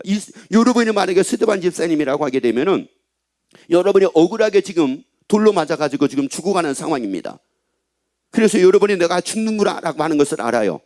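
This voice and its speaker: A man's voice: high voice, a little mellow. A middle-aged male pastor preaching a sermon in a church, emphatic and often asking the congregation questions. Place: church sanctuary.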